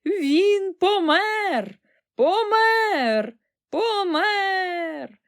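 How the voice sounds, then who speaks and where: A woman's voice: on the high side, sing-song, slow pace, vocal fry, pitched above the performer's own voice, exaggerated voice. Woman doing a grumpy old grandmother. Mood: frantic shouting. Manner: shouting in wild bursts, then sharp and scolding.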